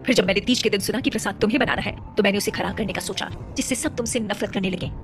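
A woman's voice: medium pitch, very fast, music in the background, lightly acted. A woman voicing a resentful, jealous young woman of a royal family, bitter and defensive.

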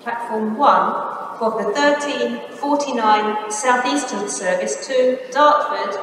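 A woman's recorded train station announcement over a loudspeaker, read in a measured, formal way, heard in a large railway station. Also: fairly high pitch, crowd noise. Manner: measured, even, formal delivery. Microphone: station loudspeaker picked up from far off. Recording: echoey station hall, distant, noisy. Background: station ambience.

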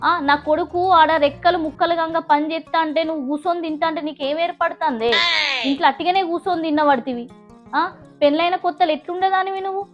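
A woman playing a nagging, sharp-tongued old mother-in-law with a Telangana Telugu accent, taunting and scolding in a comedy skit. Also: very high voice, highs cut off. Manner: taunting, scolding, drawn-out calls. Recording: background music.

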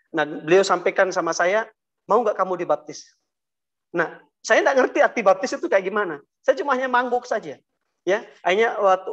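A man telling his personal testimony to an audience, talking haltingly with many fillers and restarts and often addressing them directly. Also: high voice, a bit bright, muffled recording. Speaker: guest giving a testimony. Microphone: video call.

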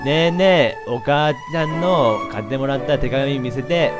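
A man's voice: medium pitch, moderate pace, close to an everyday voice. A man voicing an eager little girl who pleads in a raised, childlike voice. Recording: game music behind.

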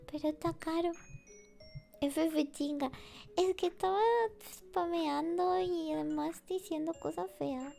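A woman streamer chatting casually with her viewers in a cutesy, giggly, sleepy and soft voice. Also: extremely high pitch, steady tone, slow, creaky, long pauses. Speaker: VTuber streamer. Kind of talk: relaxed casual chat with viewers. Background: faint music.

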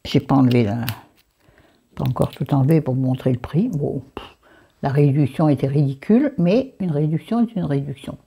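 A woman's voice: low voice, normal speed, creaky, warm tone, breathy edge. A French-accented woman chatting through a makeup haul, dropping into whispered asides and scolding herself by name. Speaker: beauty vlogger.

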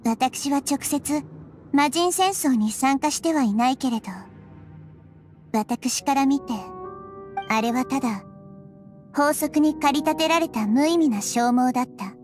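A woman voicing a small, child-like goddess of wisdom, calm, thoughtful and measured, for an anime-style game. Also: sits high, soft background music. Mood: composed, firm. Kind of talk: Japanese anime game voice acting.

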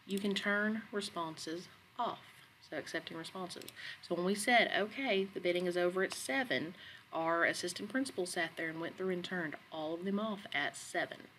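A woman educator narrating a screen-recorded software tutorial in a relaxed, conversational way with some fillers. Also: on the low side, slight background noise, rough recording. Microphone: computer microphone, voice-over on screen capture.

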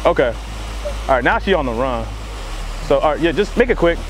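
Out on a campus walkway, a young American man who hosts a hidden-camera show pulls a prank by faking a casual phone call full of slang and profanity. His voice is a little high with lively intonation, he speaks fairly quickly, and there's a bit of hiss or hum on the recording.

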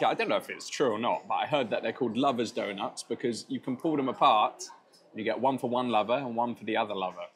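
A man's voice: medium pitch, slight background noise. A man tasting and describing street food in a casual food vlog, chatty and enthusiastic, laughing at himself now and then. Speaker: food vlogger. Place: restaurant and bakery in Thailand.

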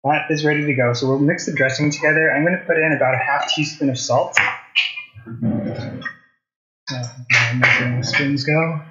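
In a home kitchen, a man in his thirties hosts a casual cooking demo, chatting with viewers and asking them questions as he works. His slightly high voice is steady and sharp-toned, unhurried, with frequent pauses. Soft music plays behind him, and the indoor sound is a bit dull and roomy.

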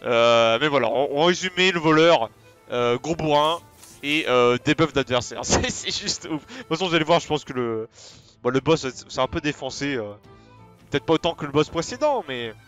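A man commenting on a game in a casual, excitable way, rambling with slang and fillers. His voice sits a touch high. Faint game music runs underneath. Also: normal speed. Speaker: let's play host.

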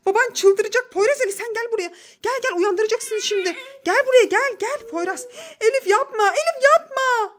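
A mother filming a family vlog, excitedly narrating and scolding her daughter in a dramatic, exclamatory way. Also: very high-pitched, brisk, hardly any pauses. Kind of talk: dramatic play-acting narration for the camera.

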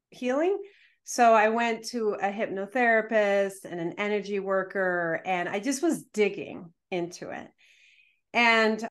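A woman in her forties from the Dominican Republic, a guest telling her story on a video call from her living room, animated and reflective. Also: medium pitch. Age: 40s. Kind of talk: conversational storytelling.

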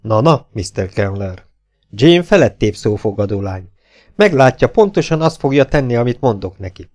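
A man voicing an elderly, fussy and excitable male professor in an audiobook, exclaiming with drawn-out words. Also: medium pitch, close to an everyday voice.

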